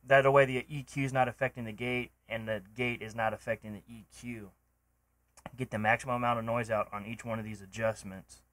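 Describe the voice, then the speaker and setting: Rambling with ums and restarts, a man gives a casual tutorial on recording at home with a cheap microphone. The room has a computer running and an open door, and his medium-pitched voice comes across bright and forceful.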